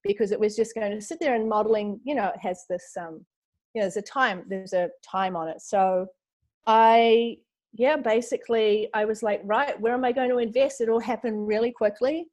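A New Zealand woman in her forties, guesting on a podcast, chats casually in a New Zealand accent, full of fillers and often quoting her own thoughts. Her voice is slightly high and a bit mellow, at an ordinary pace.

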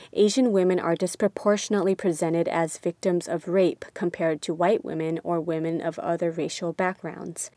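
A woman's voice: on the low side, dark tone, no room sound. A young woman from the United States giving candid, wry personal commentary. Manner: candid, wry, exasperated at times.

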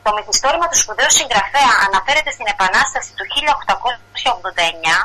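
A woman's voice: a little high, expressive, sharp tone, rough recording. A woman from Greece reporting culture news as a correspondent in a casual radio chat, chatty and full of fillers and restarts.

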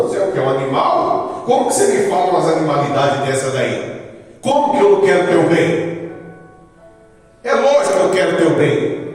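A man preaching a sermon, emphatic and animated, firing off rhetorical questions and acting out little exchanges. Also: mid-range voice. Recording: echoey hall, voice from far off, faint music.

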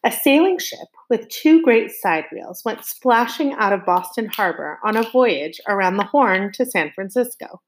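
A woman reading a children's novel aloud in a lively way, slowing down for emphasis and turning to her young listeners with questions. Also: medium pitch. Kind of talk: expressive read-aloud of a novel.

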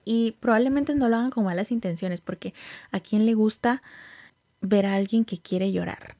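A woman hosting a podcast, speaking in a casual, reflective way with many fillers and some soft whispered asides. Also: mid-range voice, normal speed, no echo. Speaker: podcast host.

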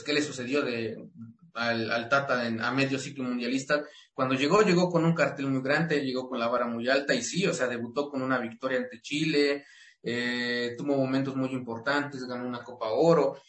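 A man's voice: mid-range voice, fairly bright tone, roomy sound. A Mexican man co-hosting a football talk show, rambling with many restarts. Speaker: sports show co-host.

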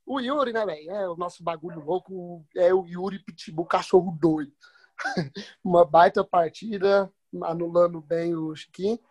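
A man's voice: high voice, normal speed, darkish tone, no echo. A Brazilian man giving casual, slangy match analysis as a football podcast panelist.

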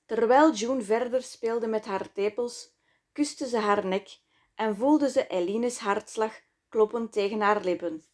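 A woman reading her own book aloud in slow, measured, intimate scripted narration. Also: a little high, darkish tone. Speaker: author and narrator.

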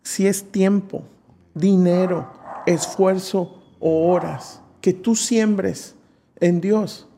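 A man's voice: high voice, very slow, vocal fry, a little hiss or hum. A man, a preacher telling a personal testimony in an interview, acting out the voices he quotes. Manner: lively storyteller who acts out quoted voices. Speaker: preacher, guest.

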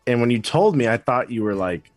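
A man's voice: mid-range voice, expressive, a little fast, no room sound, soft background music. A man co-hosting a dad podcast from home over a call, easygoing and agreeable. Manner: easygoing, agreeable, laid-back. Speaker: podcast co-host. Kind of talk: casual chat. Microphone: remote call recording.

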